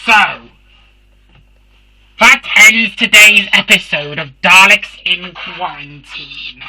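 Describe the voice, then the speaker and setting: Hosting a fan review show in character as a Dalek robotic alien warrior, a performer speaks in a harsh, filtered, medium-pitched voice that sounds pushed and bright, with halting, emphatic phrasing.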